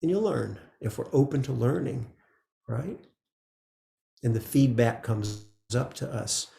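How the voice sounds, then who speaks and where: A man teaching meditation in a relaxed, conversational dharma talk, often checking in with "right?". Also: mid-range voice, unhurried, creaky, reverberant. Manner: gentle, conversational, frequent "right?" asides.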